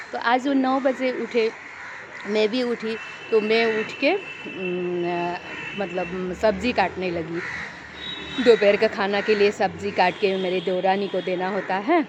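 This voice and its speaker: A young woman telling a story in a casual vlog, rambling and repeating herself, growing tense as she recalls a scare. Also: mid-range voice. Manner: rambling, repeats and restarts phrases. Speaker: vlogger. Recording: dull lo-fi recording with loud background noise and crows.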